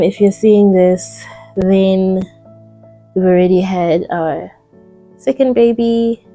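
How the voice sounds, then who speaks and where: A young woman, heavily pregnant and a little out of breath, chatting casually to camera in a vlog with soft laughs and frequent ums. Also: on the low side. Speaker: vlogger.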